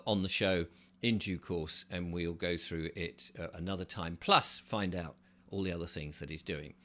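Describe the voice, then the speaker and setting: A man's voice: low-pitched, bright, forceful tone. A man hosting his own video channel, talking unscripted and explaining his ideas step by step in an earnest way. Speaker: channel host. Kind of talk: unscripted solo video monologue.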